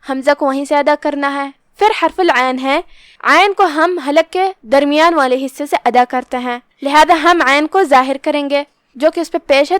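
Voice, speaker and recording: A woman teaching Quran recitation, slowly and carefully explaining how each letter is pronounced. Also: sits high, a bit bright, no echo, studio quality. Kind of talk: step-by-step tajweed lesson.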